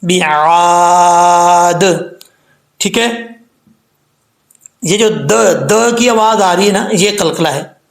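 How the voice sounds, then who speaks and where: A Quran recitation teacher with a high, slightly bright voice gives a tajweed lesson in a roomy, echoing space. He explains each letter sound plainly, then chants the verse slowly with long, drawn-out vowels. Between points he drops in short checks like "ok" and "theek hai."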